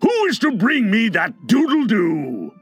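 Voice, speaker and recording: A man's voice: a little high, sing-song, slow pace, fairly bright tone, breathy edge, dry recording, faint music behind, heavily acted. Man playing Captain Hook, silky menacing pirate captain. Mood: angry. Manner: silky, steely, musing menace. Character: menacing pirate captain, mock-courteous, purring, cruel. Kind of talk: dramatised storybook reading.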